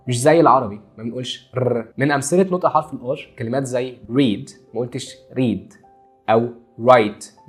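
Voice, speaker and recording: Young Egyptian-accented male teacher, rapid delivery, lively contrasts of word pairs, soft music underneath. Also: medium pitch. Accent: Egyptian Arabic. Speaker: English teacher. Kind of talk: quick explainer lesson.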